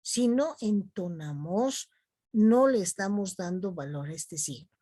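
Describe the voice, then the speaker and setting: A woman from Bolivia with a Bolivian Spanish accent, teaching punctuation in a recorded video class, explaining slowly with many "¿no?" tags and fillers. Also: medium pitch, animated, mellow, no echo.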